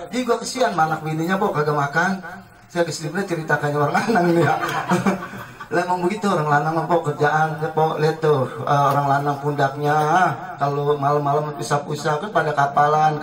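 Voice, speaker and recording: Joking Betawi preacher, echoey and distant. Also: male voice, fairly high pitch. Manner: joking storytelling, acts out quoted dialogue. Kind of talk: humorous sermon at a family celebration. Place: community gathering, crowd around. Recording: echoey, distant mic, loud crowd.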